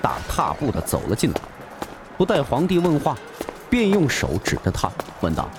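A man's voice: mid-range voice, huge pitch swings, normal speed, over music. A man narrating a martial-arts novel in a theatrical, suspenseful storytelling style. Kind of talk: dramatic audiobook narration.

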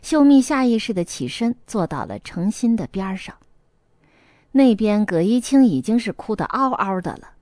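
A woman narrating a novel as a scripted audiobook, with lively storytelling and a light erhua. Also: medium pitch, moderate pace, no room sound, clean studio sound.

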